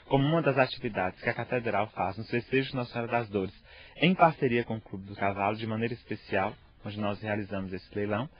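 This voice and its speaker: A Brazilian priest, a man in his thirties, giving an interview statement outdoors into a handheld microphone. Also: mid-range voice. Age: 30s. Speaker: parish priest. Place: outdoors on a farm. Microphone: handheld reporter microphone. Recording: dull TV field audio.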